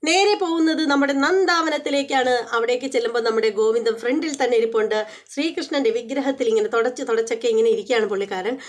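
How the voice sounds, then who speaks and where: A young woman rattles through a serial episode recap at a brisk clip, her voice sitting high. She tells it like casual chat with a friend, leaning on filler words and correcting herself mid-sentence. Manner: chatty retelling, repeats filler words, quick self-corrections. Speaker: serial review channel host.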